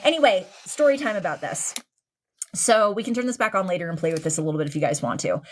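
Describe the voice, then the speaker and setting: A woman's voice: lowish voice, fast. A woman hosting a casual livestream, chatting to viewers in an informal, slangy, sweary way. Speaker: livestream host. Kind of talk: casual live chat with viewers. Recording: clear hiss and static noise. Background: noisy spirit box radio static.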